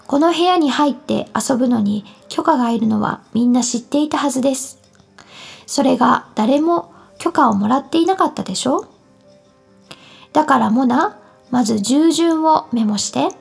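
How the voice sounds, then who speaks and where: A woman's voice: sits high, expressive, moderate pace, vocal fry, soft background music. Give me a woman doing a strict mother voice, firm and instructive. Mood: stern. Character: stern but caring mother of five.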